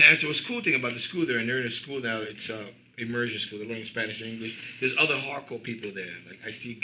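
A man's voice: medium pitch, sharp tone, rough recording. A middle-aged man from Cuba, a band member guest, telling rambling stories in casual chat with lots of "you know".

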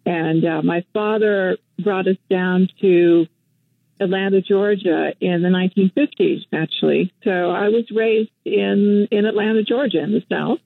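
An older woman from Western Canada, an activist and journalist appearing as a guest, tells stories reflectively in a casual phone interview, full of fillers and restarts. The tinny telephone line carries a medium-pitched, steady voice with vocal fry at a measured pace, with no room sound.

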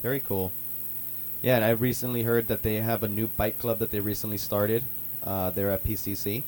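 A man hosts a radio talk show in a lowish voice at normal speed, with a little hiss or hum in the background. He chats casually and sounds relaxed and upbeat, using lots of fillers.

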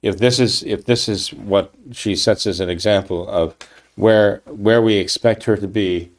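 A man with a somewhat low voice delivers a political commentary monologue. He reads from an article and stops to comment emphatically and indignantly. He often restarts his sentences and ends points with quick tag questions. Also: steady tone. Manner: emphatic, indignant, with frequent restarts and "okay? right?" tags.

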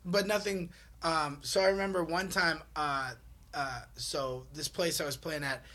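A man telling a rowdy story in a casual chat, animated and laughing as he goes. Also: fairly high pitch, unhurried. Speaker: comedian.

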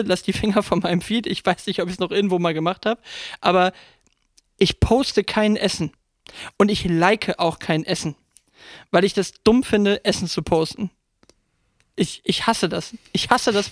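A man in his thirties with a high voice talks through a casual podcast chat. He rambles, circles back and fills gaps with hesitations. The sound is dry and close, with no room in it. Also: moderate pace, dry recording. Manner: rambling, many fillers and restarts. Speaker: podcast co-host.

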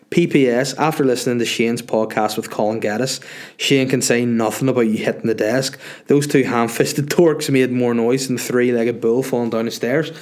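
A man's voice: mid-range voice, a little mellow. A man with a sniffly head cold hosting a podcast, chatting casually and bluntly, rambling and swearing as he answers listeners. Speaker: podcast host. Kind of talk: casual solo chat answering listener questions.

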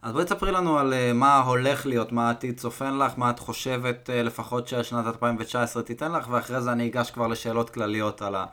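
A man hosting a podcast interview, asking questions in a loose, conversational way with frequent pauses. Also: mid-range voice, steady tone, pushed and bright. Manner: conversational, hesitant, lots of filler pauses. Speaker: podcast host. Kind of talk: casual interview.

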